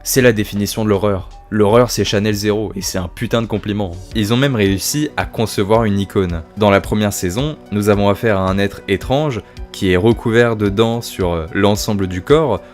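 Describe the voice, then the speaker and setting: A man's voice: on the low side, moderate pace, hardly any pauses, soft background music. A man hosting his own video review, talking casually about horror series with swearing, self-mocking asides and enthusiasm.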